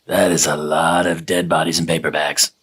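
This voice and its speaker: A man acting a laid-back, affectionate dude with a gravelly voice in a comic audio drama. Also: a bass voice, little pitch movement, moderate pace, noisy background. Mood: easygoing.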